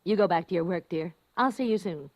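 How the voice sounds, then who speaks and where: A woman playing an anxious, gentle mother who hesitates as she hides her unease, in an old-time radio drama. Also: lowish voice, fairly quick, no room sound, natural voice. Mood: nervous, reassuring. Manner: hesitant, searching, trailing off.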